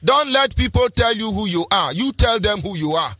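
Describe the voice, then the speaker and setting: A man's voice: high-pitched, expressive, normal speed, bright, forceful tone, no echo, faint music behind. A man with a Nigerian accent, hosting a radio show and preaching in an impassioned, sing-song, rhetorical way. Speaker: radio host.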